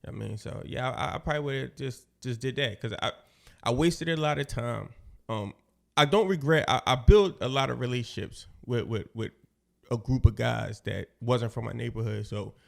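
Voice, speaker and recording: A man's voice: medium pitch, normal speed, gravelly. A man in his forties co-hosting a podcast, talking loosely and slangily, rambling and restarting his sentences. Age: 40s. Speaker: podcast co-host. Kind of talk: casual podcast chat.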